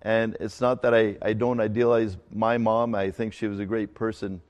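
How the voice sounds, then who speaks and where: A middle-aged male pastor who grew up in Ecuador, preaching a sermon in a conversational, halting way with fillers and restarts. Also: lowish voice, little pitch movement, a little mellow. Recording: long hall reverb.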